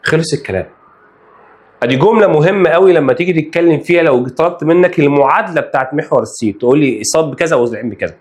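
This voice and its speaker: A man's voice: a little high, rapid-fire. A man with an Egyptian Arabic accent teaching a math lesson for exam prep, addressing students directly and repeating key points. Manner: animated, talks straight to students, repeats key phrases.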